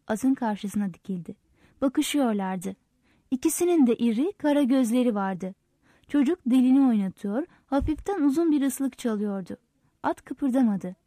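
A woman reads a novel aloud as the narrator, in a steady, measured way. Her voice sits fairly high but has a mellow, soft tone. The sound is close and dry. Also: dry recording. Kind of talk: audiobook narration.

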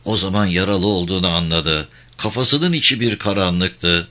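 A man narrating a war novel as an audiobook in a measured, steady way. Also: sits low.

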